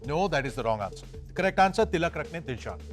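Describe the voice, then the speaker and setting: High-voiced man hosting a quiz show. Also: sing-song, fast talker. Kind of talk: chatty quiz show presenting. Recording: music under the voice.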